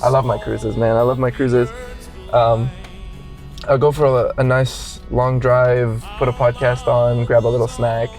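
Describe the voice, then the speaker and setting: A man from Qatar, a guest in casual chat, talking in a relaxed, rambling way with many fillers. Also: mid-range voice, measured pace, faint music behind.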